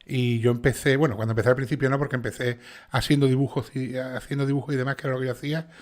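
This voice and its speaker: With a level tone and a medium-pitched, slightly mellow voice, a man hosts a casual livestream as the channel's narrator. He's from Seville, Spain, with a strong Sevillian Andalusian Spanish accent, and he chats fast, with many restarts and regular "¿vale?" check-ins with listeners.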